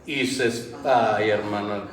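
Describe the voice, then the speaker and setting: A man's voice: on the low side, steady tone, slow. A male pastor preaching a sermon with impassioned rises and falls, in a church hall. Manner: impassioned preaching, voice rising and falling. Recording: roomy church sound from a distance.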